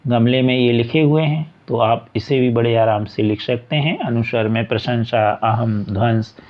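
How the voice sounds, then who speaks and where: A man teaching a school workbook lesson, reading a passage aloud and then going through example words one at a time, patiently. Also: mid-range voice. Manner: slow, patient, repeats examples word by word. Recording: dull lo-fi recording.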